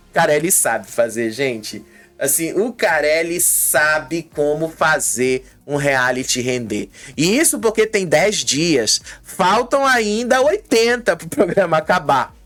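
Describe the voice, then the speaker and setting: A woman with a Brazilian Portuguese accent giving a gossipy, fast-moving casual recap of a reality show. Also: sits low, lively intonation, a bit bright, soft background music.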